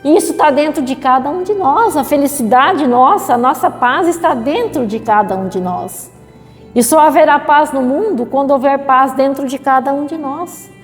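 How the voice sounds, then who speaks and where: A middle-aged woman with a Brazilian accent giving a spiritual lecture, slow and measured, repeating phrases and adding tag questions. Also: high voice, in a large hall, faint music behind. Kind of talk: spiritual talk. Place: spiritist center hall.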